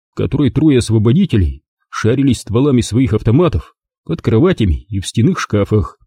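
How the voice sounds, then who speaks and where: A man narrating a first-person audiobook story with wry, lively storytelling. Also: fairly low pitch, slightly rough, no room sound, clean studio sound.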